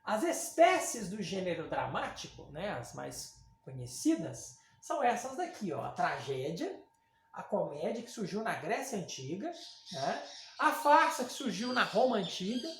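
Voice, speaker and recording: A woman with a Brazilian accent teaches a literature class in a lively, rising-and-falling voice. She talks casually and keeps checking in with her students. The room around her is noticeably echoey. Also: mid-range voice, a little slow. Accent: Brazilian Portuguese. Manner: lively and conversational, many fillers and check-ins with students. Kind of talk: recorded online class lecture.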